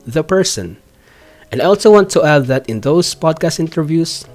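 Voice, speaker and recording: A man narrating a scripted commentary video in a wry, playful way, slipping in puns. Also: mid-range voice. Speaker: video essay host.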